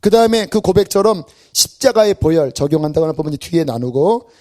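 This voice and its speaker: A man's voice: fairly high pitch, fast. A male pastor giving a Friday evening sermon in a church, acting out everyday scenes with self-deprecating humor. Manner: animated, acts out everyday scenes. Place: church sanctuary.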